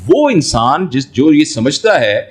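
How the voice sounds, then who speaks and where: A man's voice: fairly high pitch, big pitch swings, slightly rough. A man who is a doctor, answering in an interview in a fatherly way, explaining through everyday examples and rhetorical questions. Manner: fatherly, addresses listener as son.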